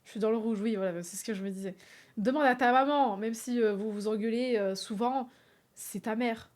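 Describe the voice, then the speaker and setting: A young woman streaming live, chatting casually with her viewers, animated and laughing often. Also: on the high side, brisk. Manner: animated, laughs often, talks straight to chat.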